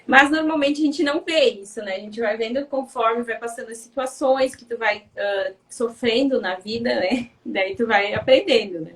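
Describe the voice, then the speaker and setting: A soft-spoken woman in her thirties, from Paraná in Brazil, chatting casually as a guest in an interview and often tagging her sentences with questions. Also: on the high side, moderate pace, few pauses, recorded from a distance, rough recording. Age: 30s.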